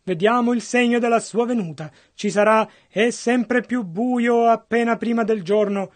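A man's voice: extremely high pitch, normal speed. A man interpreting a sermon line by line, earnestly following the preacher's phrasing.

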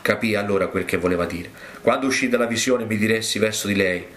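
A man preaching a sermon, telling a testimony in an earnest, measured way. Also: lowish voice, fairly bright tone. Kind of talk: sermon storytelling.

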